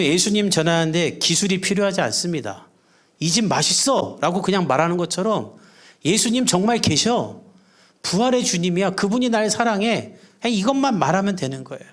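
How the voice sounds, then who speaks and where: A middle-aged male pastor preaching a sermon at a church service, earnest and conversational, drawing on everyday examples. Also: high voice.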